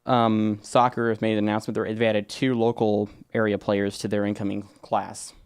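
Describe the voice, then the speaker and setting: A man's voice: lowish voice, little pitch movement, normal speed, clean tone. A young man co-hosting a college sports show, chatty and rambling as he talks casually about games. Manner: chatty and rambling, restarts sentences.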